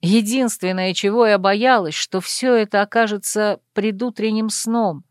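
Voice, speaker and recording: A woman narrating a first-person romance audiobook in an intimate, measured reading. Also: mid-range voice, steady tone, no room sound, clean studio sound.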